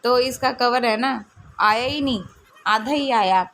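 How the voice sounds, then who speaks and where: A woman's voice: fairly high pitch, measured pace, fairly bright tone. A woman in her thirties, a mother, narrating her home footage in a casual, amused, chatty way. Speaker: family vlogger.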